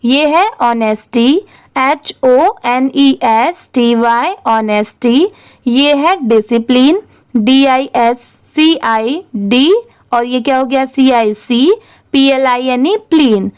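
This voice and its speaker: Patient woman English teacher, higher voice, deliberate unhurried delivery. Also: clear, resonant tone. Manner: spells words letter by letter, slow and patient. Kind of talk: spelling-out reading lesson.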